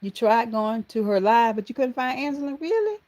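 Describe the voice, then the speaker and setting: A livestream host from Georgia with a Southern accent speaks fairly quickly in a slightly high voice. She greets viewers by name, calls them baby and honey, and is affectionate, with animated exclamations.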